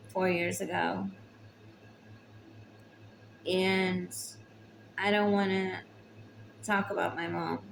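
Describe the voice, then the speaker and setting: Slow, gravelly-voiced young woman confiding. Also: lowish voice, a little hiss or hum, low-quality recording. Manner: slow, halting, emotional, with long pauses. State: tearful, recently crying. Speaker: vlogger. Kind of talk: personal confessional talk to camera.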